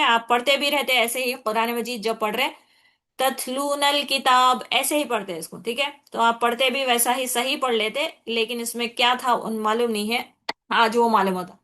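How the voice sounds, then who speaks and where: Bright-voiced woman teaching Quran recitation. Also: fairly high pitch. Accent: Hyderabadi Urdu. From India. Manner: patient, repeats points often, checks in with "thik hai"; breaks into slow recited Arabic examples. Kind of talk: explaining tajweed rules in a class.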